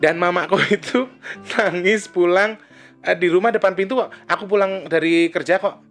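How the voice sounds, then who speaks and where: Rambling man, slightly high. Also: moderate pace, a bit bright, soft background music. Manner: rambling, with frequent restarts and self-corrections. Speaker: vlogger. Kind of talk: casual spoken monologue.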